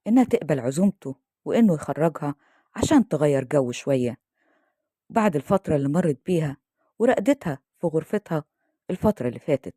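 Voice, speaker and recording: A woman with an Egyptian accent narrating a story in a calm, devout way. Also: deep voice, breathy edge, no room sound, studio quality. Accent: Egyptian Arabic.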